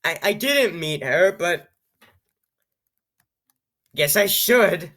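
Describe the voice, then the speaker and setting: Bright-voiced man reading with sarcastic asides. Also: high voice, expressive, drawn-out words. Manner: sarcastic, amused, stumbles over words while reading. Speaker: channel host reading an AI-written story. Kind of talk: reading aloud with joking asides.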